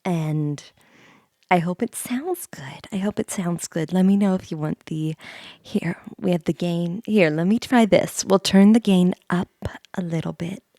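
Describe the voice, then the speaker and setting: A woman hosting an ASMR livestream as a VTuber chats softly in a lowish voice, her hushed talk often slipping into a breathy whisper. She speaks haltingly and repeats phrases, close to a studio microphone that picks up mouth sounds in a dry recording.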